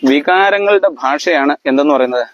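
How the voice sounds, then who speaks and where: The recording is muffled, and the man's voice is a little high as he explains things to his family in lecture fashion. He often breaks off to ask whether they understand, quizzing them amid fillers and restarts.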